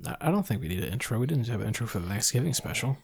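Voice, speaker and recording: A man's voice: medium pitch, big pitch swings, rapid-fire, creaky, breathy edge. A man cohosting a podcast in casual chat, teasing and playful. His mid-range voice moves around a lot as he jokes. Now and then he switches to an upbeat podcast greeting. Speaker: podcast co-host.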